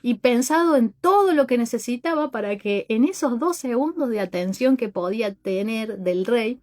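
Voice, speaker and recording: Higher-voiced woman telling a reflective story. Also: expressive, a little mellow. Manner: thoughtful, unhurried storytelling that addresses listeners directly. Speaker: podcast host. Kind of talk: reflective podcast monologue retelling a Bible story.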